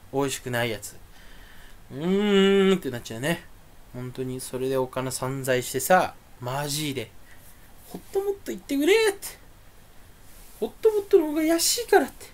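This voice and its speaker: A young man grumbling through a solo rambling monologue, ranting in complaints that burst out loud, with a voice that sounds angry even when he is not. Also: medium pitch. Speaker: streamer.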